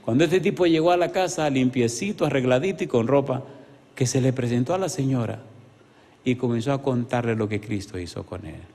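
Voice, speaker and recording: A man preaching an evangelistic sermon, swinging between loud exclamations and hushed pleading and asking the congregation many rhetorical questions. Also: mid-range voice, a little fast. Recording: reverberant hall sound.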